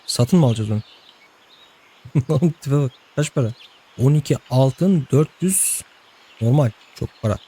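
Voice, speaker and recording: A man's voice: medium pitch, expressive, moderate pace, pauses often, mellow, slight background noise. A young man giving casual let's-play commentary, chatting to the game's characters and laughing often. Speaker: gameplay host.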